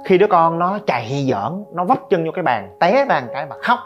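A middle-aged man hosts a podcast about parenting and makes lively, joking asides to listeners. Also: on the high side, brisk. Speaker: podcast host. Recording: slightly dull, faint guitar music.

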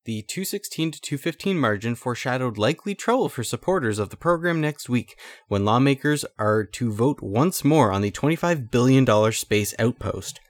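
A man's voice: medium pitch, lively intonation, normal speed, no room sound. A man with a medium voice co-hosts a casual podcast and reads old news stories aloud. His manner is easygoing. The recording is dry and close. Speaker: podcast co-host.

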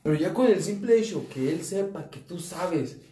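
A man's voice: high voice, expressive, moderate pace, mellow, slight background noise. A man with a Mexican accent telling crude, slang-heavy work stories in a casual podcast chat. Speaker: podcast co-host. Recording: echoey room, voice from a distance off the mic.

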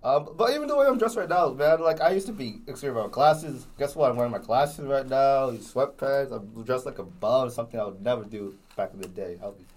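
A man's voice: medium pitch, a little fast, few pauses, darkish tone. Young male co-host, slight lisp, loose rambling delivery, casual talk. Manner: rambling, many restarts and fillers. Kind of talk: casual chat.

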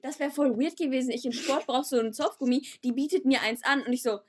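A woman's voice: high voice, fairly even intonation, fast, a crowd in the background. A teenage girl co-hosting a podcast, joining in with giggly, teasing banter. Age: teens. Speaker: podcast co-host. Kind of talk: casual chat.

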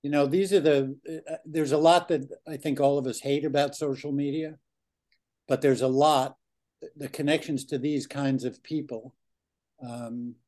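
An older man co-hosting a podcast, his voice at a middling pitch. He talks in an earnest, reflective way, pausing on fillers as he works through his thoughts. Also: fairly even intonation, darkish tone. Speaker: podcast co-host. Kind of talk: casual chat.

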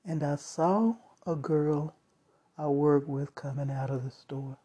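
A storyteller calmly recounting a first-person eerie encounter with measured pauses. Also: mid-range voice, husky. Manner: slow, measured retelling with dramatic pauses.

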